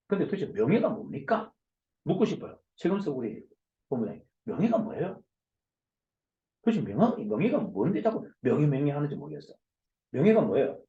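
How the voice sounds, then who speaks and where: A man leads an online business lecture, speaking loudly and emphatically as he hammers home one rhetorical question after another. His voice sits fairly high and swings widely in pitch. The call audio is echoey and muffled. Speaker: company CEO giving a business lecture. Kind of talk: forceful motivational lecture. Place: online video session. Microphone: video call.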